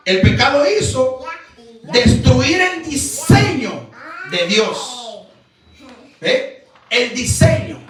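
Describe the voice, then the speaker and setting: A man preaching a sermon as pastor, emphatic, firing rhetorical questions and breaking into shouts. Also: very high voice. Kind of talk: Pentecostal-style sermon. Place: church sanctuary. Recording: very echoey church hall, mic far off.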